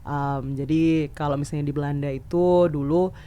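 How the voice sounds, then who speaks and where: A woman in her thirties from eastern Indonesia, a podcast guest telling stories in a lively, casual way and mixing in English words. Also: deep voice, moderate pace, smooth, dull audio.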